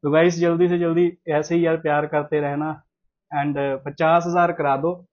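A young man hosts a casual home vlog from a small room indoors, chatting to viewers and sprinkling in English words. His voice is a little high and darkish with a level tone, he speaks unhurriedly and repeats himself often, and the audio is dull.

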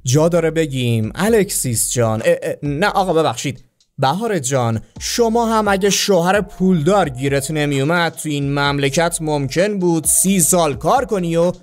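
A man's voice: a little high, animated. Wry man narrating gossip. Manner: mocking, wry. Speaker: news roundup host.

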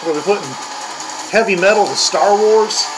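A man's voice: sits high, normal speed, rough recording. An older man hosting a comedic reaction video, grumbling and mocking in a crude, profane way. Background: heavy metal music playing.

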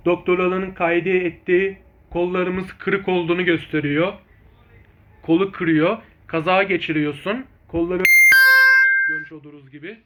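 Guy with a pretty high voice doing casual vlog commentary, rambles and repeats himself, halting phrases. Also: fairly even intonation, phone-quality sound, slight background noise. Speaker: video channel host. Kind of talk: informal vlog commentary on own videos.

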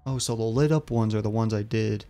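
A man's voice: fairly low pitch, fairly quick, mellow. A man streaming a video game, thinking aloud and muttering to himself as he plays. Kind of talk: casual gameplay commentary.

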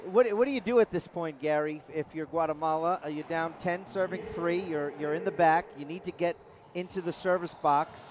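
A man's voice: fairly high pitch, a little fast, hardly any pauses, background noise. A man with a New York accent giving live sports commentary, chatty and explaining the plays as he goes. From New York area.

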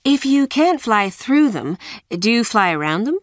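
A woman's voice: a little high, sing-song, measured pace, no echo, studio quality. A woman interviewer asking scripted questions.

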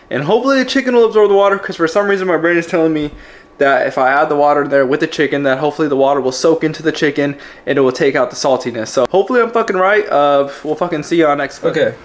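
Casting: young male gym bro vlogger, lightly high-pitched, informal and sweary, recorded at home with slight background noise. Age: young adult. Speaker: fitness vlogger. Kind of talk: casual chat to camera. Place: small indoor rooms at home, bedroom and kitchen.

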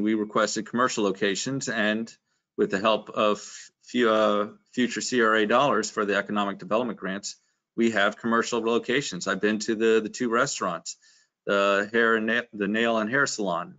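A man's voice: lowish voice, fairly bright tone. Man talking through a face mask. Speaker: mayor chairing a commission meeting. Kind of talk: public meeting discussion. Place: public meeting room.

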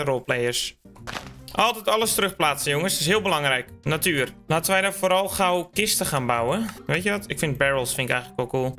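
Male gamer, let's play commentary: slightly high, sharp bright voice, joking and excitable. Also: gravelly. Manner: excitable, joking, self-mocking, sudden yelps. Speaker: gaming YouTuber.

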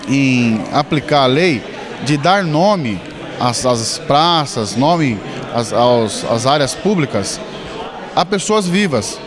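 Male councilor, enthusiastic interview answer, busy room chatter. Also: fairly high pitch. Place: council chamber. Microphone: handheld mic held by interviewer. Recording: crowd chatter behind.

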